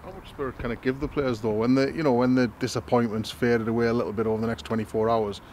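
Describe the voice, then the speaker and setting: A man's voice: mid-range voice, steady tone, fast talker, a little mellow, slight background noise. A man interviewing a player after a match outdoors, asking leading questions that back the club.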